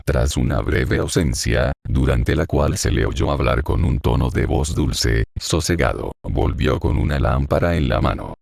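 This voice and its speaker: A man narrating an audiobook chapter in a slow, measured reading. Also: extremely low pitch, gravelly, a little mellow, dry recording, clean studio sound. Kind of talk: scripted narration.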